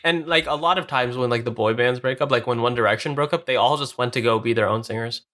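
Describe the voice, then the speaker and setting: A man's voice: medium pitch, fast, a bit bright. A young man co-hosting a podcast, chatting casually and bantering playfully with friends. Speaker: podcast co-host. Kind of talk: casual chat.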